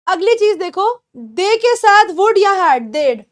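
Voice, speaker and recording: A woman with a very high voice and an Indian accent gives a beginners' English lesson. She talks slowly and deliberately, repeating each short form again and again so learners can copy it. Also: sing-song. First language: Hindi. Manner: explains in Hindi, repeats English words slowly for pronunciation. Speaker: English teacher.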